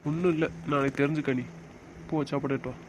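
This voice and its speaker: A man's voice: fairly high pitch, fairly even intonation, fast talker, low-quality recording. A young man with a slightly raised voice plays a doting father. He coos and coaxes in baby talk. Faint background noise sits under the voice. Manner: coaxing baby talk to his infant daughter. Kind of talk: amateur web drama acting.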